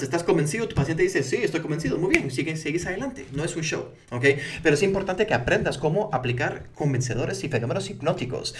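A man teaching hypnotherapy techniques in an energetic style, often checking in with his listeners with a quick "ok?". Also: on the high side, far from the mic, a little hiss or hum. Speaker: hypnotherapy instructor. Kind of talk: instructional talk to camera.

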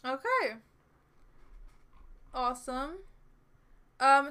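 A woman's voice: on the high side, a bit bright. A young woman hosting a casual group video call, leading introductions and explaining a game. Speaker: host.

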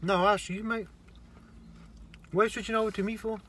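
A man's voice: sits high, fairly even intonation, fast, fairly bright tone. Man talking while eating. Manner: blunt, laid-back slangy talk. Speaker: food reviewer. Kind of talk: casual chat.

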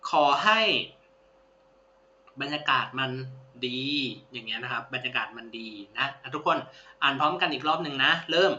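A man's voice: fairly high pitch, sharp tone. A man teaching a language lesson, patiently repeating each word and praising his students. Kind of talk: classroom-style lesson. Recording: roomy, dull lo-fi sound with faint hum.

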